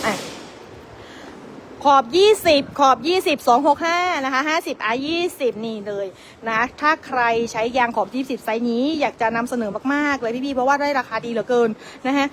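A woman giving a fast, chatty sales pitch in a tire shop, calling out prices to customers. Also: fairly bright tone, a little hiss or hum. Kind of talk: live-sale product pitch.

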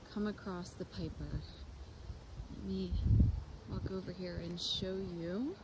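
Casual woman vlogger, mid-pitched, phone mic outdoors with heavy wind noise. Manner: chatty, addresses viewers as "guys". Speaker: vlogger giving a walking tour. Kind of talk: casual walking-tour narration. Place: outdoors in a cemetery on a windy day. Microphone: phone camera held while walking.

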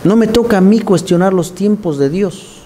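A man's voice: high-pitched, normal speed, dark tone. A male pastor preaching a sermon in a church, earnest and direct, often calling listeners "my brother" and adding wry asides.

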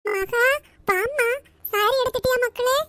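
Squeaky little cartoon granny a woman voicing her, all fond and teasing, chuckly. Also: measured pace, loud music behind the voice. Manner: fond, calls granddaughter dear, chuckling. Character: affectionate old grandmother, doting and teasing. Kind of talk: cartoon voice acting.

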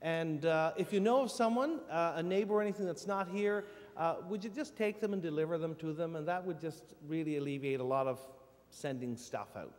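A man giving casual church announcements from the front of a sanctuary, halting with many fillers. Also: a little high, darkish tone. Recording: long reverb in a church hall.

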